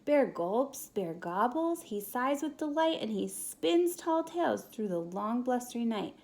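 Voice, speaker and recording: A woman preschool teacher reading a children's picture book aloud, expressive and sometimes whispering. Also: fairly high pitch. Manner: expressive, drawn-out storytelling with whispered bits.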